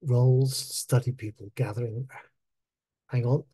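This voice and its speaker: Man, choppy breaking-up call audio, slow reading, dark warm tone, dry sound. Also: mid-range voice, fairly even intonation, breathy edge, dry recording. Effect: choppy audio, breaking up over an unstable video call. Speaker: author. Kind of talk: reading aloud from his own novel. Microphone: video call.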